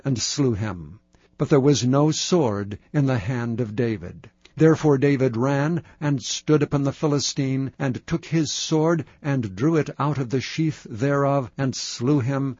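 Male scripture reader: steady, solemn, mid-pitched, dry close mic. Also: breathy edge, no room sound, lo-fi sound. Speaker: Bible reader.

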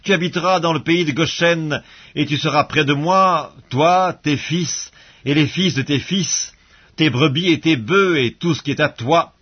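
A man reading the part of a forgiving grown ruler speaking earnestly to his brothers, in a husky voice, in a bible reading. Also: a little high, measured pace, lo-fi sound.

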